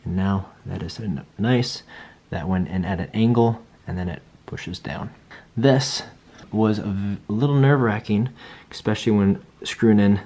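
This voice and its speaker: A man's voice: low voice, a little mellow. A young man casually walking through his first hands-on build, chatty and self-deprecating as he thinks aloud. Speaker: vlogger building a PC.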